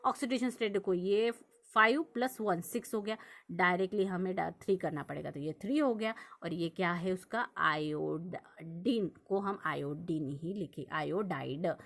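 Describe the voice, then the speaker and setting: A woman's voice: on the low side, a little slow, gravelly, fairly bright tone. A young woman teaching a chemistry lesson, working through examples and asking her students questions as she explains. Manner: repetitive, checks understanding with questions. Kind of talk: classroom lesson explaining on a board.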